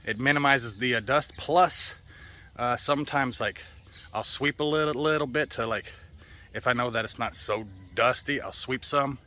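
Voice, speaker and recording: Here an American vlogger chats offhandedly outdoors in a yard, swearing freely as he goes. The voice is medium-pitched, delivered at normal speed with a bright, forceful edge. Birds, roosters and outdoor ambience fill the noisy background.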